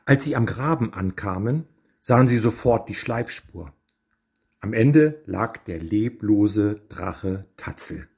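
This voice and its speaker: Slow, low-voiced male storybook narrator. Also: expressive, vocal fry, a little mellow. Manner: measured, slow and deliberate.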